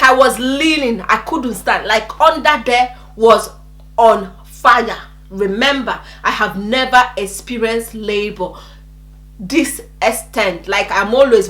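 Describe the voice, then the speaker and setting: A woman's voice: mid-range voice, a bit bright. A woman vlogger animatedly retelling a personal story, acting out quotes and repeating herself for emphasis. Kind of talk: storytime vlog, casual retelling.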